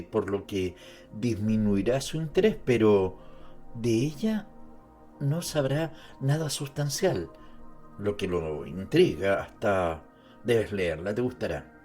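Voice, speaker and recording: A man with a fairly low voice narrates about literature at a very slow pace. He turns to the listener directly, mixing dramatized storytelling with conversational asides. Music plays softly behind him. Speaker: narrator presenting an author's life and works.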